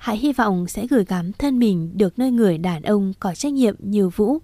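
A woman narrating a story as an audiobook in an even, steady manner. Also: medium pitch, normal speed, no echo.

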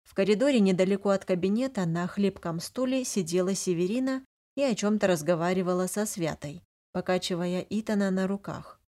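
A woman's voice: mid-range voice, a little fast, warm tone. Woman narrating a fantasy audiobook.

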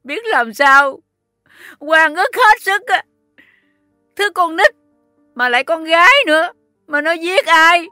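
A distraught older mother, voiced by a woman with a high, bright voice. She laments in bewilderment, recorded dry and close over faint music. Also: lively intonation, takes it slowly, pauses often, no room sound, exaggerated voice.

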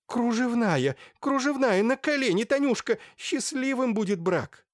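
A man voicing a middle-aged merchant's wife who wails and pleads in a high strained voice. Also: expressive, measured pace, dry recording, studio quality. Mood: ecstatic.

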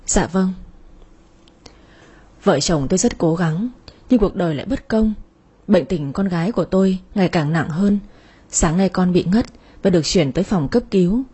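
A woman narrating a sad first-person story in a soft storytelling manner. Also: lowish voice, normal speed, slightly rough.

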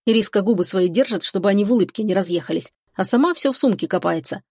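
A woman's voice: medium pitch, fast, a little mellow, breathy edge, dry recording, studio quality. Woman reading a wry first-person story. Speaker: audiobook reader. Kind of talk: first-person novel narration.

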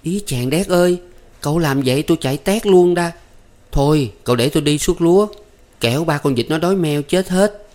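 A man's voice: medium pitch, normal speed, a little mellow, voice pushed up, natural voice. A man reading a story aloud, voicing a shy, anxious young servant girl. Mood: flustered. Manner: pleading, flustered, coy protests. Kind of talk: audiobook character voice.

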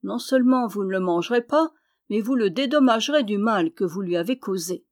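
A woman's voice: medium pitch, lively intonation, brisk, a little mellow, close to an everyday voice. An ancient giantess, mother of the winds, speaks with a firm, raised, motherly tone, as a woman reading a storybook aloud puts her on. She sounds stern yet kindly toward the small man before her, in a voice of middling height.

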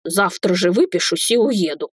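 A woman's voice: on the low side, expressive, moderate pace, breathy edge, dry recording, clean studio sound. A woman reading the part of an indignant, huffy old male hotel guest. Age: older.

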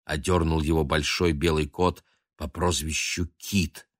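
A man narrating a children's story in an expressive, measured way. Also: rumbling low, breathy edge, dry recording, studio quality.

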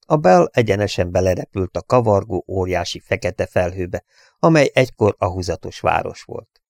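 A man reading an audiobook in a steady, measured storytelling manner. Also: sits low, creaky, no room sound, clean studio sound. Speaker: audiobook reader. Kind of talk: audiobook narration.

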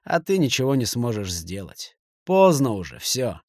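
A man's voice: medium pitch, big pitch swings, moderate pace, darkish tone, no room sound, studio quality. A man reading an audiobook, voicing a nervous, spiteful banker who snaps back tensely.

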